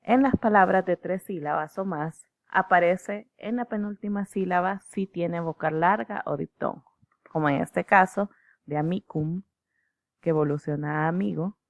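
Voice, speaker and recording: A woman teacher, explaining slides in a measured lecture, checking in with her students as she goes. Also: lowish voice, no echo.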